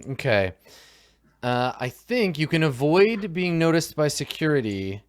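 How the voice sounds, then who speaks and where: A man narrates a tabletop game as its game master. He talks in a loose, rambling way, with plenty of fillers and restarts. His voice sits at an ordinary, middle pitch. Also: very animated, slow pace, clear, resonant tone.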